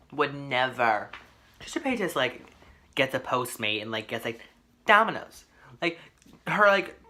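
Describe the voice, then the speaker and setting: Sassy teen vlogger whining dramatically about life, slow drawl, bright sharp tone. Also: medium pitch. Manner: sassy, melodramatic, mock-complaining. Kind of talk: casual mukbang vlog chat.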